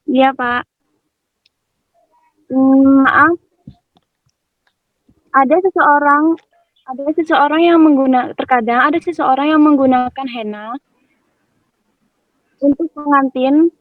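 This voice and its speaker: A woman student with a high voice asks a hesitant, apologetic question in an online class. Her sound comes through a thin, phone-like video-call line that keeps breaking up and cutting out, and it is dry and close. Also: takes it slowly, pauses often, no echo. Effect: choppy, breaking-up video-call audio.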